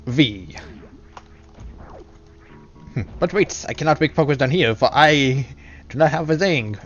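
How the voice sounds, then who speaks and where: A man with an English accent chatters away to himself as he plays, his voice sitting a little high and bouncing lively up and down. He rambles playfully, giggling and tossing out silly words, with faint music running underneath. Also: unhurried, dull audio. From England. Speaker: video game streamer. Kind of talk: casual live gameplay commentary.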